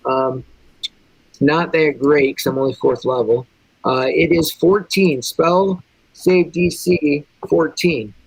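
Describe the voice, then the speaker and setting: A man's voice: a little high, steady tone, takes it slowly, vocal fry, husky, no echo, poor audio. A man playing a tabletop game, talking casually and thinking aloud through the rules.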